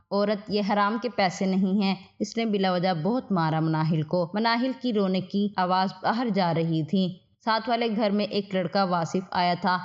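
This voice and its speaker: A woman storyteller giving a steady, scripted narration of a moral tale. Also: medium pitch. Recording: dull lo-fi audio.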